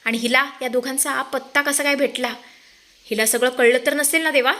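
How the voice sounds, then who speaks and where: A scheming young villain from a retold soap story, cruel and threatening, read out by a woman. The voice stays high and bright, close to the reader's own. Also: steady tone, moderate pace. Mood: worried. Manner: menacing threats told in retelling.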